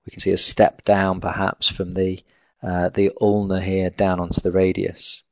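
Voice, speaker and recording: A man with a low, gravelly voice talks through a clinical case over his slides. He is measured and technical, pausing often on fillers. The recording is dull and dry, with no room sound. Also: flat delivery, fairly bright tone, no room sound. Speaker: veterinary lecturer.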